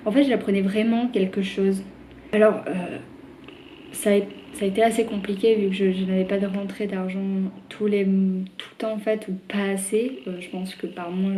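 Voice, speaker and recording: A young French woman vlogs to camera, chatting freely with plenty of fillers and restarts. Her voice is mid-range with a dark tone, and the audio is poor with a little hiss or hum.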